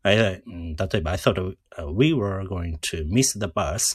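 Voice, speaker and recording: A man hosting a casual live radio lesson, chatty and encouraging, who repeats each word slowly for listeners to drill. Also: low voice, lively intonation, slightly rough, no room sound, clean studio sound. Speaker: radio host teaching English words.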